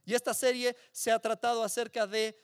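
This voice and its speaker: A man's voice: very high voice, little pitch movement, brisk, clean tone, dry recording, clean studio sound. A man preaching a sermon, emphatic, with repetitions and rhetorical questions. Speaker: pastor.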